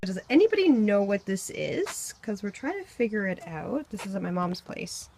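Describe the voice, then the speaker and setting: A woman's voice: mid-range voice, very animated, moderate pace, gravelly, music in the background. Chatty woman in a garden. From Canada. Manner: chatty, wondering aloud while touring a garden. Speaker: vlogger. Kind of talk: casual chat. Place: outdoors in a garden.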